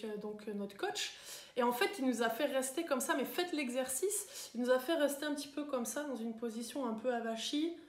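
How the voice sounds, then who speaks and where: A woman's voice: high voice, echoey room. A woman coach talking to viewers in a chatty way, with many fillers and tag questions. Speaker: coach giving self-improvement advice. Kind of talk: live talk to viewers.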